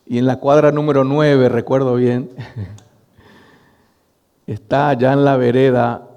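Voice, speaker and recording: A middle-aged pastor tells a story in his sermon, speaking slowly and animatedly and addressing the congregation as brothers. His mellow, clean voice sits at an ordinary male pitch. The dull audio carries the long reverb of a church hall.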